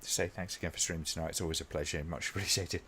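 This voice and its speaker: A man hosting a casual watch-along live stream, talking to his chat in a relaxed, rambling way with many ums. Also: low-pitched, very fast, a little hiss or hum.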